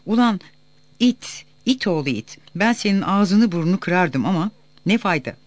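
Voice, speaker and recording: A man's voice: high voice, animated, moderate pace, no echo. Man doing a blustering, arrogant rich son. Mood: angry. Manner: insulting, blustering. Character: arrogant young man, a landowner's hot-headed son.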